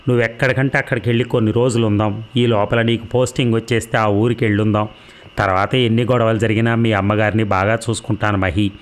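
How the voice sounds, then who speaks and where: A man's voice: on the low side, level tone, quick pace, lightly acted. A man voicing a young woman in love, pleading and tearful, in an emotional reading of a novel.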